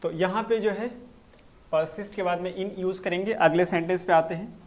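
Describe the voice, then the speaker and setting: High-voiced man teaching grammar live. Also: steady tone. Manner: repeats key phrases slowly, answers viewer comments. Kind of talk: live online class lecture.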